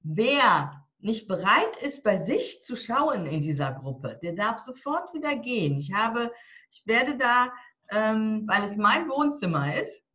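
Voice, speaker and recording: High and sing-song with a sharp tone, this woman speaks at a slow pace. She is turning 60, a divorce coach and author who, as a guest on a casual interview, lays out her coaching approach bluntly and with wit; the lo-fi sound is slightly dull.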